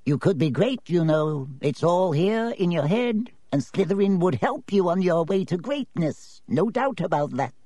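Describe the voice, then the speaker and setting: A man's voice: high-pitched, very animated, unhurried, hardly any pauses, no room sound, clean studio sound, pitched above the performer's own voice, heavily acted. A man doing a small-voiced coaxing magic hat. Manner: soft, persuasive.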